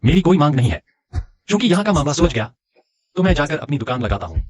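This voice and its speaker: A man voicing a cocky husky young fighter. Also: fairly high pitch, very animated, fast, a little mellow. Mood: calm. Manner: cocky, taunting delivery. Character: bold young male fighter, cocky and unbothered. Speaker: dub voice actor. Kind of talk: Hindi drama dubbing.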